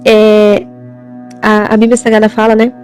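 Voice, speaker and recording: Woman giving a halting testimony. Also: medium pitch, monotone, a little mellow, faint music behind. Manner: halting, repetitive, with frequent "amém?". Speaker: church member giving testimony. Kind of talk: religious testimony.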